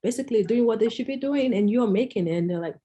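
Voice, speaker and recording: A woman's voice: a little high, quick pace, mellow, highs cut off. A woman from Nigeria, co-hosting a podcast in casual chat, telling stories emphatically and laughing often. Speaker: podcast co-host.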